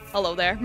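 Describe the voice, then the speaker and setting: A VTuber streamer chats casually with viewers while gaming, giggly and rambling with lots of fillers. Her voice is high-pitched and warm.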